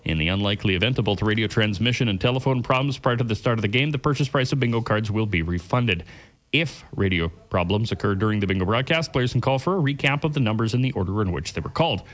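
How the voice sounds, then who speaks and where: A man working as a bingo caller on the radio, announcing rules and numbers in a deliberate, repetitive announcer's delivery. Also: fairly low pitch, animated.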